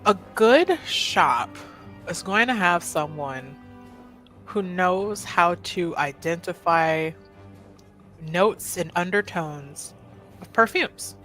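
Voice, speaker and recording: Playing a tabletop roleplaying game, a woman casually improvises descriptions of her character's actions. Her lowish voice is slow, a bit bright, and lively in intonation, with faint music behind it.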